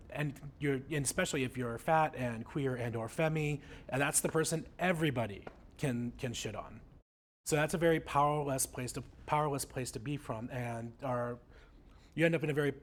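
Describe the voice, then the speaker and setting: A man in a documentary interview speaks emphatically, building his point step by step. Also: medium pitch.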